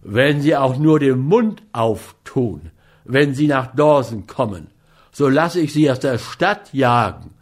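A man's voice: mid-range voice, expressive, slow. A man reading an audiobook, voicing a hot-tempered, commanding man who threatens and bullies. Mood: stern. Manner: forceful, threatening. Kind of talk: audiobook character voice.

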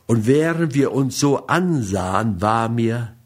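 Slow, grave male audiobook narrator. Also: medium pitch, expressive. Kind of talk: first-person literary narration.

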